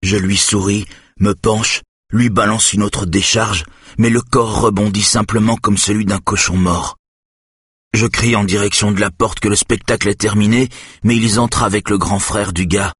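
A man reading aloud, voicing a shaken, guilt-ridden male patient who talks haltingly. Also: on the low side, steady tone, fairly bright tone, slightly rough, no room sound, clean studio sound. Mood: dazed.

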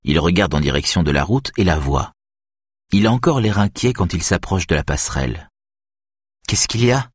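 Deep, husky male narrator. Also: lively intonation, a little fast, dry recording, studio quality. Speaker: audiobook narrator. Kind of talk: scripted narration.

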